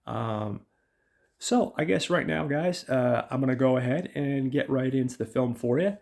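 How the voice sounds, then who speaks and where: His voice is mid-range and darkish, at a moderate pace, roughened to a rasp by illness. As a podcast host, he talks casually through a movie review, heavy on ums and uhs, and refers to listeners as "guys."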